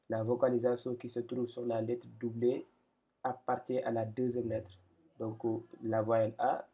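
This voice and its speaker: A man gives a careful step-by-step lesson at a very slow, patient pace. He often stops mid-phrase and fills the gaps with hesitations. The recording sounds dull and lo-fi. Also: mid-range voice. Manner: patient, pauses with many fillers. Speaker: teacher.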